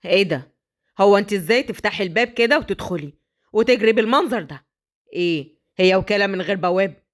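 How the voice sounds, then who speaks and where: A woman voicing a cold, dismissive wealthy father who scolds in a low Egyptian voice. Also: expressive, fast talker, close to an everyday voice. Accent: Egyptian Arabic.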